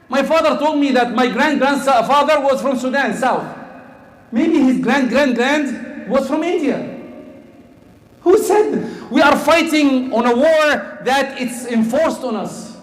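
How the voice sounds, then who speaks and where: A man's voice: very high-pitched, roomy sound, poor audio. A man from Egypt preaching a sermon, asking the crowd questions, repeating words as he goes.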